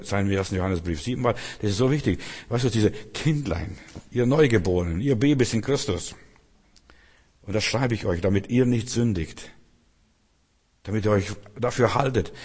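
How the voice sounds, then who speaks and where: Husky low-voiced man preaching in a hall. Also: a little mellow. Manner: earnest, repetitive, addresses listener as du. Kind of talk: sermon.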